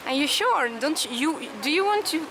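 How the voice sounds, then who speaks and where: A woman's voice: high voice, lively intonation, normal speed. A woman in her twenties vlogging outdoors on a city street, chatting casually in a playful, teasing way. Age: 20s. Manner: playful, teasing, bursts into laughs. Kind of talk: casual chat. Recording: loud crowd and street noise. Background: crowd and traffic.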